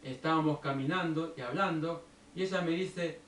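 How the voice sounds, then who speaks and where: A man's voice: a little high, a bit bright. Argentine man telling a story in an echoey room. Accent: Rioplatense Argentine Spanish. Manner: unhurried, storytelling, moralizing. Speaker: video blogger. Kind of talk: personal storytelling monologue. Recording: echoey room, distant from the mic, faint background noise.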